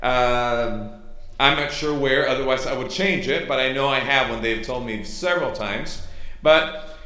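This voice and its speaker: A male missionary pastor, a native Spanish speaker with a Chilean Spanish accent, gives an informal testimony to a congregation in a church hall during a service. His voice is bright and forward, medium in pitch, and a little slow. The reverberant room gives the recording an echoey sound.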